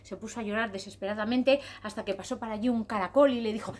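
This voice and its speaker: A woman telling a story to children in an expressive, sing-song, repetitive way. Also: a little high, fast talker.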